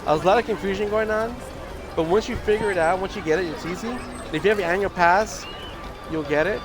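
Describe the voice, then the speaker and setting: On a livestream with video game music in the background, a streamer chats casually and rambles, restarting often. His high-pitched voice moves at a quick pace, and it's scratchy and hoarse; he says he's losing it.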